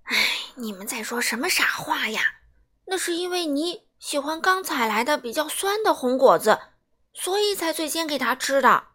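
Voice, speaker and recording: A woman's voice: high-pitched, lively intonation, normal speed, fairly bright tone. A woman voicing a big, loving father T. rex in a storybook. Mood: tender. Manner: soothing, fond.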